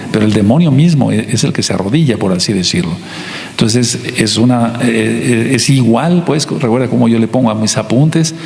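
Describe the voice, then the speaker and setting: Mexican male pastor, mid-pitched, teaching sermon style, roomy hall reverb. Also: vocal fry, a little mellow. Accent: Mexican Spanish. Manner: teaching, repeats points, slows to stress words. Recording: echoey hall.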